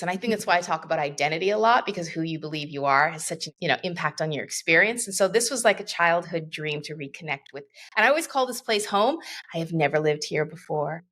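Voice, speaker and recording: In a casual interview, a guest coach from Canada, a woman in her fifties, reflects and rambles through plenty of asides. She has a low voice with a fairly bright tone.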